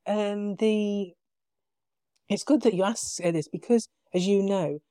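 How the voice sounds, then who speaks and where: A woman with a British accent, a podcast guest, telling her story in a casual, animated way with quoted dialogue. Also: mid-range voice, measured pace, no room sound, studio quality. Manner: animated retelling with quoted dialogue, frequent laughs.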